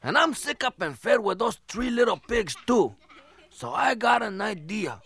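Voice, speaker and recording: Male comic as a tired scheming dad in a fable; high, animated. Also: unhurried, vocal fry, slightly rough, exaggerated voice. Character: grumbling fed-up pig father.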